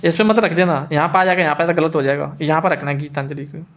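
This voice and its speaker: Male teacher, a little high-pitched, patient and repetitive, drilling spelling rules. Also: steady tone, fairly bright tone. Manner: repeats each word slowly, asks students if they follow. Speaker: Hindi teacher. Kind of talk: spelling lesson.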